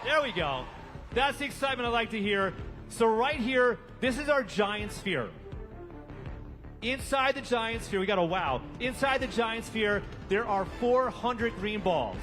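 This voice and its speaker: A man hosting a live prize drawing as a booming announcer, rallying the crowd. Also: lively intonation, measured pace, a bit bright. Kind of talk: live event hype announcing. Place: large event venue with live audience. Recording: long hall reverb, music behind.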